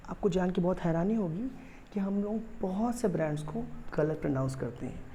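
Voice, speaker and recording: A man with an Indian accent teaching English pronunciation in an online video lesson, explaining calmly and repeating each word slowly for emphasis while mixing Hindi and English. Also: high-pitched, a little hiss or hum. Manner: mixes Hindi and English freely.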